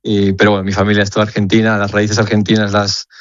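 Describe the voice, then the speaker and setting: A young man from Spain, a footballer, answering questions earnestly over the phone, halting and repeating words as he searches. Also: on the low side, monotone, no echo, highs cut off. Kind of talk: phone interview.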